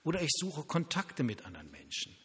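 Husky male pastor preaching, tells stories and plays out the dialogue, long church echo. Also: on the high side, brisk. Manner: lively storytelling, acting out quoted dialogue. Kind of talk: sermon.

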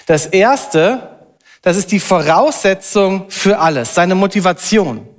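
A man preaching a sermon and reading a long scripture passage aloud in an earnest, steady voice. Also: sits high, long reverb tail.

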